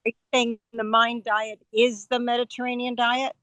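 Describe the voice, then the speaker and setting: A woman caregiver attending a webinar, asking questions over a video call in a halting way, repeating words. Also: fairly high pitch, level tone, fairly bright tone, no echo. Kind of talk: audience question.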